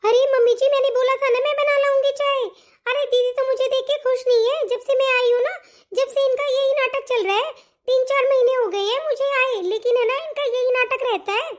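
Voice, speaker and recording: A sly new bride from a cartoon family story, voiced by a woman. She whines and tattles on her sister-in-law. Her voice is very high. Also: normal speed. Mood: whiny. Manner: whiny, tattling. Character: sly newly married younger daughter-in-law. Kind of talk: animated family story voice acting.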